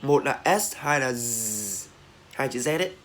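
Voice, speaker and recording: A young man with a Vietnamese accent who teaches English pronunciation, repeating each word slowly for learners to copy. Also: mid-range voice, expressive, fairly bright tone, slight background noise. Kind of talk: recorded pronunciation lesson.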